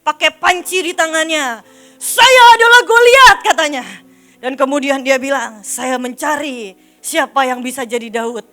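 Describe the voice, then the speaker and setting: A young adult woman preaches to a congregation with a very high, bright voice. She tells a story from her childhood with lively, animated delivery and keeps addressing her listeners directly. Soft music plays faintly behind her. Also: normal speed. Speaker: evangelist preacher.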